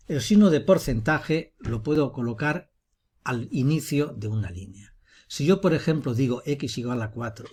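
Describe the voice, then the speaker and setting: A man with a husky, slightly breathy voice walks through a screen-recorded software lesson. He explains each step patiently and methodically, at a mid pitch. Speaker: teacher.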